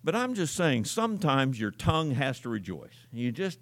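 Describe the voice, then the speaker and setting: An older man gives a folksy, storytelling sermon, and his pitch moves a lot as he talks. The sound is dry and close, with almost no room echo. He often repeats key words to stress them. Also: big pitch swings, moderate pace. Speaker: preacher. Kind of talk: conversational sermon.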